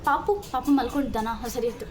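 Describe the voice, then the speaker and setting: A woman's voice: a little high, steady tone, quick pace, background noise. A young woman playing a new mother in a comedy sketch, talking casually and complaining in a pleading way.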